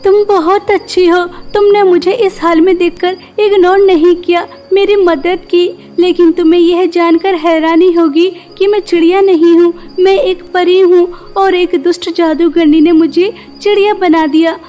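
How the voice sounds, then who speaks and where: A woman voicing a gentle fairy trapped as a wounded bird in an animated story, softly pleading for help. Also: very high-pitched, a little slow, few pauses, soft background music.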